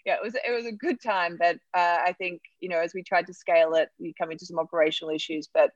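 A woman's voice: lowish voice, fairly even intonation, quick pace, dry recording, lo-fi sound. A woman from Australia, a startup founder, talking candidly in a podcast interview with many fillers.

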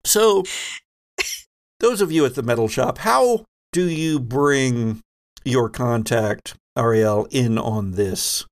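With dramatic storytelling phrasing and deliberate pauses, a man narrates his tabletop game podcast as host and game master. His voice is mid-range and expressive.

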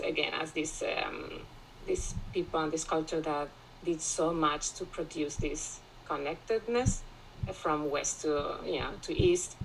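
A woman from Spain, a classicist, talking as a guest in a podcast interview, thoughtful and pausing often with restarts. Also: sits low, gravelly, a little hiss or hum, rough recording. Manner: thoughtful, many restarts and fillers, laughs often.

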